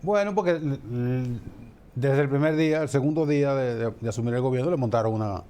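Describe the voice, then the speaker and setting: A man's voice: medium pitch, fairly quick, warm tone, clean tone. A man commenting on politics in casual studio talk, often repeating words as he searches for the next phrase.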